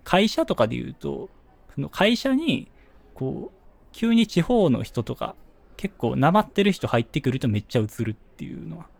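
Gravelly Kansai man, chatty and lively. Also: fairly high pitch, moderate pace, dry recording. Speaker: podcast co-host. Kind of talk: casual chat.

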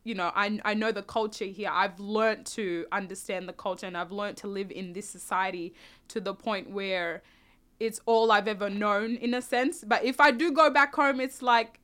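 A young woman from South Sudan, answering interview questions in a relaxed, reflective way, often restarting and adding "you know". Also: mid-range voice, normal speed. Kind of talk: casual conversational interview.

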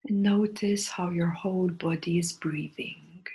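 Speaking in short phrases separated by long pauses, a woman leads a guided meditation in a gentle, breathy tone that frequently falls toward a whisper. Her voice is on the low side and steady, though the audio is poor.

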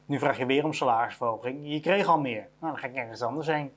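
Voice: mid-range voice, quick pace. A business owner giving a blunt motivational monologue about career advice, repeating each point to hammer it home.

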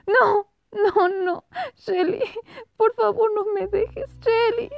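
A woman's voice: fairly even intonation, slow, vocal fry, no echo, dull audio, heavily acted. A woman voicing a grieving young woman who pleads, sobbing, over her dying mother in a dramatic audiobook reading. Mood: desperate sobbing. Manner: sobbing, pleading, high-pitched.

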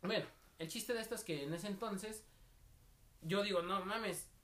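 A man's voice: high voice, normal speed, bright, forceful tone. Slangy Mexican guy telling stories. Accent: Mexican Spanish. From State of Mexico. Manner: slangy, storytelling, acts out quoted voices. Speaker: podcast co-host. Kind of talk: casual podcast chat.

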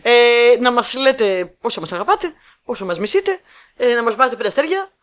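A woman co-hosting a podcast, chatting casually with quick back-and-forth replies. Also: fairly high pitch, animated. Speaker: podcast co-host. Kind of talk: casual chat.

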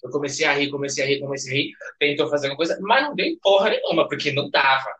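A young man with a Brazilian accent, a podcast guest telling a story in casual chat, animated and laughing. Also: fairly high pitch, rapid-fire, poor audio.

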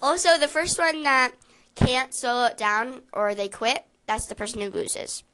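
Woman, high lively voice, giggly, squeamish, casual chat. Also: moderate pace, noisy background. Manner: giggly, squeamish, lots of laughing. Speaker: co-host. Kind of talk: casual taste-challenge chat.

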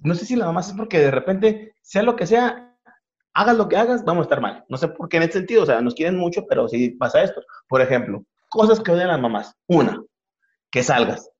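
A Mexican man in his forties hosts a comedy talk, rattling off slangy jokes at a fast clip. His voice sits a bit high. The recording is dull and lo-fi. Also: very animated. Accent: Mexican Spanish. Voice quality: rapid, slangy, joking delivery. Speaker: host. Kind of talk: comedic casual chat. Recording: dull lo-fi audio.

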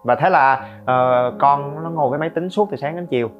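A man's voice: fairly high pitch, brisk. Man hosting a podcast. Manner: lively, joking asides to listeners. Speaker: podcast host. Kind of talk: podcast monologue on parenting. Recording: slightly dull, faint guitar music.

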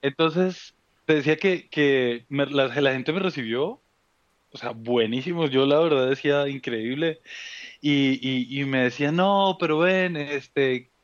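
A man from Colombia with a Bogotá accent, a guest casually telling travel stories in a relaxed way with many fillers. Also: medium pitch, normal speed, no room sound, dull audio. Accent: Bogotá Colombian (rolo). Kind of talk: casual interview conversation.

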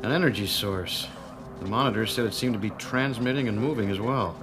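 An actor in a radio drama playing a businesslike, cautious military general with a matter-of-fact, authoritative manner. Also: male voice, on the low side, a little fast, close to an everyday voice. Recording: clear ambient noise behind.

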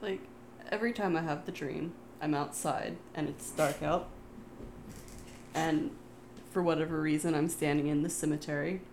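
Low-voiced woman telling a wry story. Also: a little hiss or hum. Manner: relaxed and wry, quick asides, laughs often. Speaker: podcast co-host. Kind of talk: casual chat, personal storytelling.

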